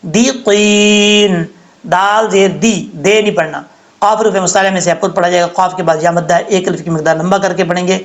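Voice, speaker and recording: A man with a high voice teaches recitation, patiently walking through each letter and its sound. His explanations are careful and methodical, like a teacher in a slow lesson. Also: steady tone. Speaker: Quran tajweed teacher.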